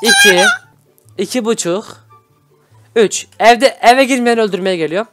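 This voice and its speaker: A man hosting a Minecraft role-play, excitable, scolding and shouting at his characters between laughs. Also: very high-pitched, unhurried, loud music behind the voice. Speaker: YouTube gaming host.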